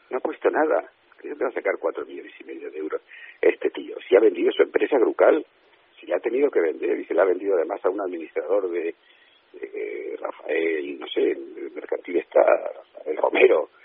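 A deep-voiced man from Spain, speaking with a Spanish accent, heard over a tinny phone line. His voice is very raspy. He talks with indignant emphasis and repeats his points. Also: dry recording. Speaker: interview guest. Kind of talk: phone-in radio interview. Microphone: telephone.

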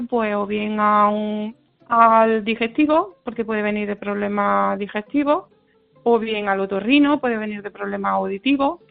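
A woman's voice: medium pitch, gravelly. Woman speech therapist on a phone line. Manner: measured, explanatory, with thoughtful pauses. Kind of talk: radio interview answers.

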